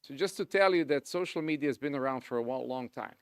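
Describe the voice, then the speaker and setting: A middle-aged man with a Serbian accent giving a live academic presentation as a professor, speaking informally with frequent pauses. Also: mid-range voice, smooth, dry recording, studio quality.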